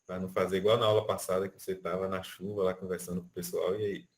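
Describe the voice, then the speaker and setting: A man's voice: low voice, little pitch movement, quick pace. A Brazilian man teaching an online music class, explaining by counting beats and stretching out syllables. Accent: Brazilian Portuguese. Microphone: video call.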